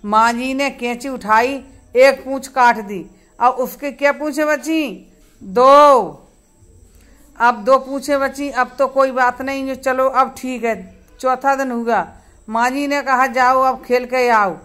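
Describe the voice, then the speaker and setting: Slow, high-voiced woman telling a kids' tale. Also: steady tone, a bit bright. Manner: slow, simple telling that quizzes children on counts. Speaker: storyteller. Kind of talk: children's story narration.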